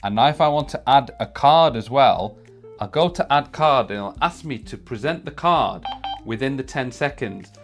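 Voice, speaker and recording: A man's voice: medium pitch, animated, moderate pace. A man giving a casual product demo, explaining features step by step in an explanatory manner. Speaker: product reviewer and demonstrator. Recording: music behind the voice.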